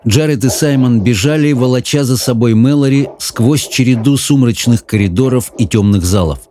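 A man reading a children's fantasy audiobook in measured, even storytelling narration. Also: medium pitch, a little hiss or hum. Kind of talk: scripted narration.

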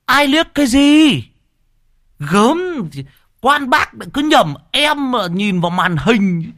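Casting: man putting on a high squeaky lecherous lame man, loud and excitable. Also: slow pace, no room sound, studio quality, exaggerated voice. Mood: flustered. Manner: stammering, squeaky, pleading.

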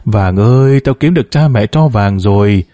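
A man's voice: on the low side, lively intonation, normal speed, dark tone, dry recording, clean studio sound, lightly acted. A man reading a story, voicing a frail, delirious old woman teacher who mumbles.

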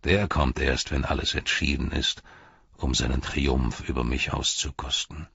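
A man performs a grim old steward in an audiobook, his voice sunk low and hushed, almost breathy. He broods slowly over every line. The recording is dry and a little dull. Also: little pitch movement, no echo, exaggerated voice. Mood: bitter. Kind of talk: audiobook character reading.

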